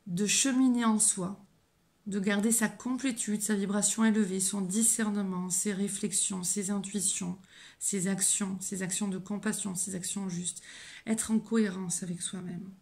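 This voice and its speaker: A woman working as a medium, giving a live oracle card reading, speaking haltingly with many restarts and gently encouraging her viewers. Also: medium pitch, fairly even intonation, creaky. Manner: hesitant, halting, with frequent fillers and restarts. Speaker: medium and spiritual guide.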